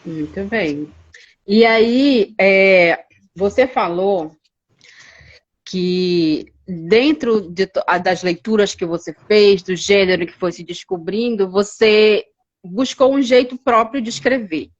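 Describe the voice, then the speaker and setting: A woman's voice: mid-range voice, takes it slowly, highs cut off. A woman hosting a live online interview, asking probing questions in an encouraging way. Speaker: host.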